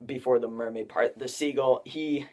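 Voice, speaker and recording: A man's voice: medium pitch, fairly even intonation, moderate pace, a little mellow. A young man hosting a casual spoiler discussion of a film, rambling with many fillers. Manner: rambling, filler-heavy, says 'like' often. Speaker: film review host.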